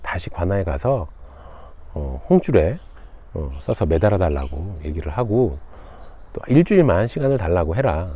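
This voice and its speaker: A man voicing a shrewd, practical first wife in a folktale, calm and instructive. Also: sits low, moderate pace, breathy edge, full character voice. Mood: composed.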